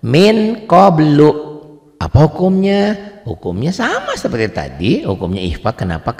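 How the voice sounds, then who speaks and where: A man teaching the rules of Quran recitation in a casual lesson, asking and answering his own questions and stretching out example words in a slow chant. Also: sits low, long reverb tail. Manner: drops into slow drawn-out chanting on example words, quizzes himself aloud.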